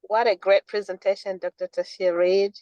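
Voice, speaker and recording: A woman's voice: medium pitch, little pitch movement, normal speed, mellow, dry recording. Woman from zimbabwe on a video call, eager and chatty, dull dry sound. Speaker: caller. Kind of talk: comment in an online meeting.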